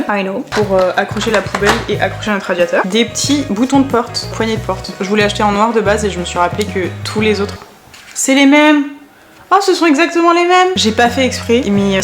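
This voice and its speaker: A woman's voice: medium pitch, fast, over music. Tired, chatty young woman vlogging. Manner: chatty, tired, self-mocking, rambling asides. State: exhausted. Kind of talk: casual vlog chat to camera. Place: car, shops and home, moving around.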